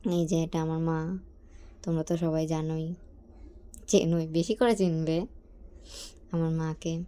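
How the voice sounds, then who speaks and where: A young woman from chats straight to her viewers as a casual vlogger. Her voice sits a little low and flat, with a mellow, dark tone. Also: unhurried, clear, resonant tone. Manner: chatty, talks straight to viewers. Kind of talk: casual vlog narration.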